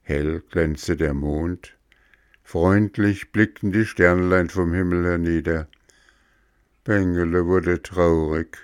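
A man reading an old-fashioned children's story aloud in a measured narrating voice. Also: deep voice, fairly even intonation, clean tone, no echo, clean studio sound.

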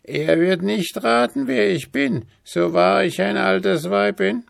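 A man doing a cunning old hag in a storybook reading, her voice pitched far up into a thin, strained cackle. She drawls slyly and sounds bold and scheming, with a rough, gravelly edge and a close, dry sound. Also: slow pace, dry recording, exaggerated voice. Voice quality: high cackle.

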